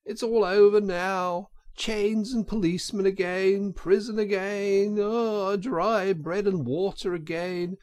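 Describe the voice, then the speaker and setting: A man's voice: high-pitched, fairly even intonation, slow pace, few pauses, darkish tone, voice pushed up. A man voicing a boastful, self-pitying male toad in a storybook reading, with wailing, theatrical complaints. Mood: despairing.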